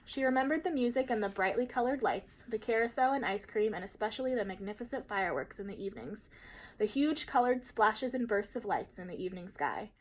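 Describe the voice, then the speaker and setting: A woman teacher reading a children's novel aloud in a steady, gentle storytelling manner. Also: mid-range voice, brisk, low-quality recording.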